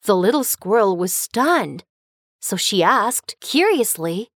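A woman's voice: mid-range voice, big pitch swings, takes it slowly, a bit bright, dry recording, studio quality. Woman with a lilting storytelling voice. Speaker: narrator. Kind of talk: scripted children's story narration.

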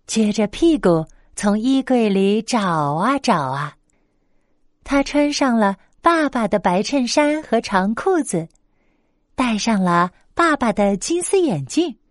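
A woman narrating a bedtime story, gentle and expressive. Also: a little high, no echo, studio quality.

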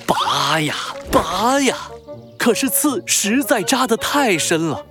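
Very animated children's story narrator. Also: medium pitch, takes it slowly, faint music behind. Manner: dramatic, expressive storytelling.

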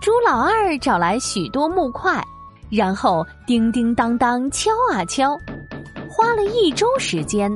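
A woman's voice: fairly high pitch, sing-song, measured pace, soft background music. A woman narrating a scripted story for children.

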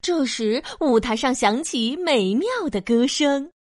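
A woman narrating a scripted children's story in an expressive storytelling manner. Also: high voice, a little slow, no room sound, studio quality.

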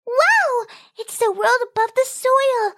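A woman voicing an impatient, hopeful little seed in a storybook reading, excited and childlike. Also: very high voice, slow, voice pushed up, full character voice. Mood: eager.

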